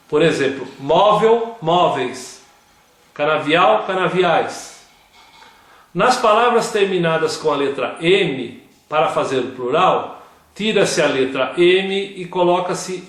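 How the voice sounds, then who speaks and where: A man giving a slow scripted grammar lesson, reading word examples one at a time. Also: a little high, fairly bright tone. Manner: reads word lists one by one. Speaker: grammar teacher. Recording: very echoey room.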